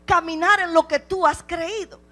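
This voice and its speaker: A woman's voice: very high-pitched, steady tone, moderate pace, bright, forceful tone. A woman preaching a sermon with passion, driving her points home with repeated rhetorical questions.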